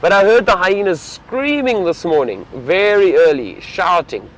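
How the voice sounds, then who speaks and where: A man's voice: high voice, very animated, a little slow. Chatty safari guide, man. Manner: chatty and enthusiastic, rambling. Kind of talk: casual live-stream chat answering viewers. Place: outdoors in an open safari vehicle.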